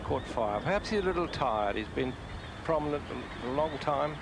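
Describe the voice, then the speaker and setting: A man's voice: on the high side, expressive, normal speed. A man giving live golf commentary in sparse, conversational remarks. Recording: very noisy outdoor broadcast sound.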